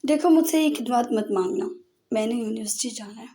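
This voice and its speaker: A woman's voice: a little high, brisk, mellow, lightly acted. A woman voicing a mischievous, teasing young man in an audiobook novel, with a playful manner.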